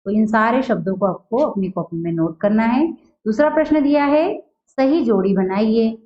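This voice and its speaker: A woman teaching a Hindi class, who asks a question and answers it herself, and slowly repeats words to show how they are said. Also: a little high, expressive. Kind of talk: recorded class lesson. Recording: dull lo-fi sound in an echoey room.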